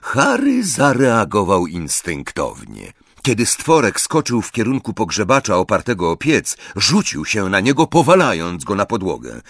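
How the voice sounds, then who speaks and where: Male audiobook narrator, slow expressive storytelling, gravelly husky voice, very lively pitch, dry close mic. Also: no echo. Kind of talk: scripted narration.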